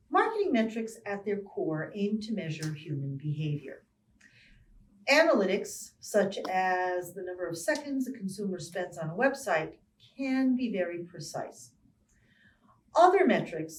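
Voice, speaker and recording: A woman's voice: medium pitch, a little mellow, a little hiss or hum. Woman lecturing in a roomy space. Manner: clear explanatory teaching with deliberate stresses. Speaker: marketing professor. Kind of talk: recorded lecture. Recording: roomy sound from a distance from the mic.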